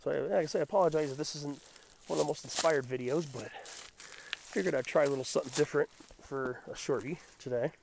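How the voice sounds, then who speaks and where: Still shaking off a head cold, a male nature vlogger from Southern California sounds raspier and deeper than he normally would. He talks quickly but in a relaxed, musing way, naming plants as he hikes through a mountain forest before sunrise. Background noise comes through on the outdoor camera recording.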